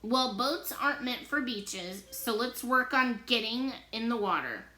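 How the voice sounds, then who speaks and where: A hearty old fisherman who laughs things off even in tough times, as a woman reads him aloud from a storybook. The voice comes across bright and forceful, and the room around it rings with echo. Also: fairly high pitch, a little slow, slight background noise, voice pushed up. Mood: reassuring. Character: cheerful old male fisherman, easygoing. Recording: roomy echo.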